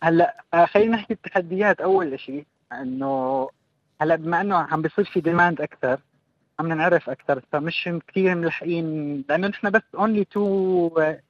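A man with a Palestinian-Jordanian Levantine Arabic accent, co-founder of a craft project, chats casually as a radio interview guest and mixes English words into his speech. His voice is on the high side and he talks fast; the audio is dull with no room sound.

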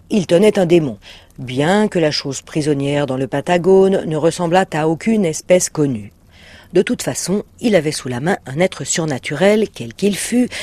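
A man narrating a short story aloud in a measured, expressive storytelling manner. His voice sits a little higher than most men's. It is a clean audiobook reading. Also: no room sound.

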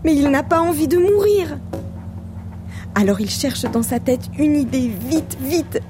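A woman reading a children's storybook aloud in a gentle, calm way. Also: high voice, a little slow, noisy background. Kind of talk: scripted storybook narration.

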